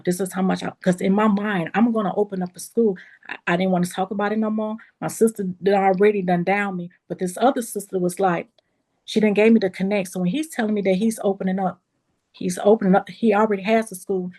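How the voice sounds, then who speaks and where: A woman who owns a beauty school, telling her story with feeling, talking straight to the group as y'all. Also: medium pitch. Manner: animated storytelling, addresses listeners as y'all. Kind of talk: emotional testimonial storytelling.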